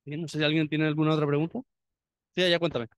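A young Chilean man talks quickly and informally to prospective students, tripping over his words and restarting often. His voice is smooth and clear, a little higher than most men's, and sits in a dry, close sound. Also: level tone, dry recording. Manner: chatty, many restarts. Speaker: university student.

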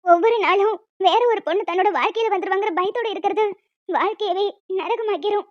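A woman's voice: very high-pitched, quick pace. A woman voicing a remorseful, jealous young woman who talks in an earnest, pleading way. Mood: determined. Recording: dull lo-fi audio with music.

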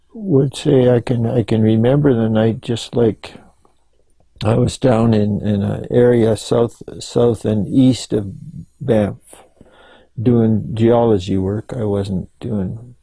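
An older man telling stories in an oral history interview, halting and rambling, with many restarts. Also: fairly low pitch, creaky, warm tone, husky, dry recording, poor audio. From Canada.

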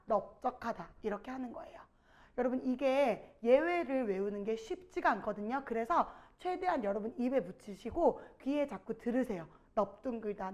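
A woman teaching a grammar lesson, quizzing her students and drawing out each example word slowly. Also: high voice.

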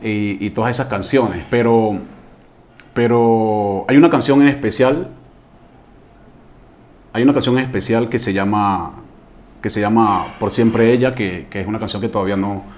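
A man's voice: fairly low pitch, moderate pace, long pauses, a little mellow. Hesitant Colombian male singer talking. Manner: hesitant, many fillers and restarts. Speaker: singer of a salsa orchestra. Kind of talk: casual interview answers.

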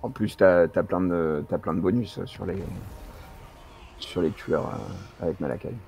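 A man's voice: low voice, a little slow, creaky, a little mellow, a little hiss or hum. A man chatting casually with a partner while playing a co-op strategy game. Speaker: co-op gaming partner.

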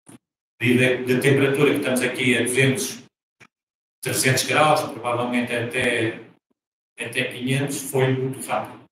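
A man's voice: medium pitch, a bit bright. A man with a European Portuguese accent giving a seminar talk, thinking aloud and restarting phrases. He sounds far from the mic in a strongly echoing lecture room, with faint noise behind him. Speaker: guest lecturer.

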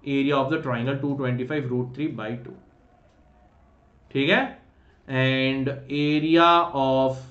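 A man with an Indian accent teaching a live online maths lesson, mixing English with Hindi in an instructive way and often checking that students follow. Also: medium pitch. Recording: roomy echo, slightly dull sound.

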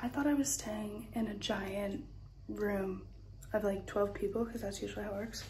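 A young woman vlogging her trip from a hostel and a beach, chatty and excitable, swearing casually and sometimes dropping to a hushed whisper. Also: mid-range voice, moderate pace, slight background noise. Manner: often drops to a hushed whisper in shared rooms. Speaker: travel vlogger. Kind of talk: casual travel vlog.

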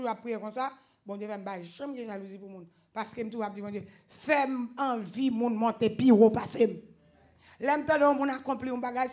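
A woman with a Haitian accent preaching a fervent sermon at a church service, swinging between loud outbursts and quiet stretches, with repeated exclamations of praise. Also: mid-range voice.

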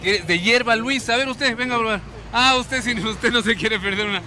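Out in the street and in a hotel kitchen, traffic and street noise around him plus some chatter behind, a thirties-aged male TV host with an Ecuadorian Spanish accent works a handheld mic. His very high voice comes out brisk, pushed and bright. He keeps things playful and coaxing, frequently repeating himself.

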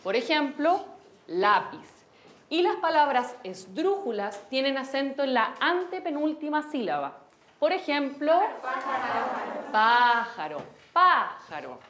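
An actress playing a patient, gentle schoolteacher in a television drama, with a Chilean accent. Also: female voice, high voice, sing-song, slow pace, a little hiss or hum, full character voice. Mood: teaching. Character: warm young female schoolteacher.

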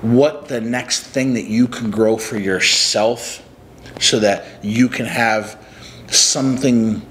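This life coach and channel host, a man in his forties from upstate New York, speaks slowly in a medium-pitched, fairly bright voice. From a couch in a small room he addresses a nearby camera casually, sounding earnest, reflective and motivational over a faint hiss or hum.

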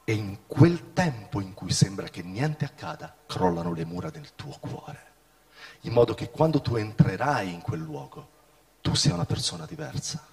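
A man's voice: mid-range voice, gravelly. Impassioned preacher man in a reverberant hall. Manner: impassioned, swings from shouting to hushed. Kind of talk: sermon.

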